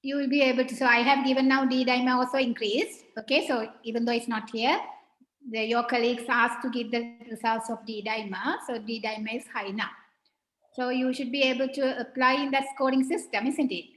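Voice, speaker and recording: A woman's voice: fairly high pitch, little pitch movement, fairly quick, fairly bright tone, roomy sound, rough recording. A woman teaching medicine in a class, questioning students and prompting them one by one. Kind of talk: online clinical teaching session.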